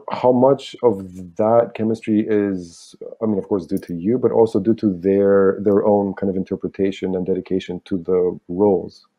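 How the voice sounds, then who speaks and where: A man interviewing a film director, asking long questions with hesitant restarts. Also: low voice. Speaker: festival programmer interviewer. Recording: dull lo-fi sound.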